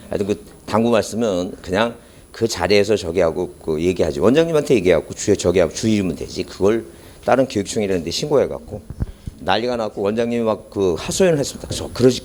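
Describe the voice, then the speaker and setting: There's a faint hiss or hum behind this lowish, darkish man's voice. Teaching an exam-prep class at an academy, he's muffled by the face mask his mic is worn behind, rambling in asides and then quizzing everyone with rhetorical questions.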